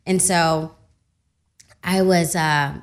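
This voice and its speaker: A young woman, an actress guest, chatting casually in a radio studio and telling animated stories with laughter. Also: fairly low pitch, drawn-out words. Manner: animated storytelling, laughing, loud when excited. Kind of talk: casual radio interview chat.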